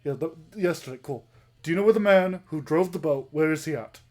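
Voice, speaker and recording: High-voiced man playing a tabletop game. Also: fairly quick, darkish tone, soft background music. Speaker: player.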